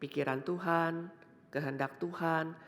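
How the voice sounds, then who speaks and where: A woman's voice: low voice, fairly even intonation, a little slow. A woman vicar preaching a sermon, repeating key phrases for emphasis and talking directly to the congregation in a casual, story-telling way. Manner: addresses the congregation directly and conversationally; tells illustrative stories in a casual tone. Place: church hall. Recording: long church-hall reverb.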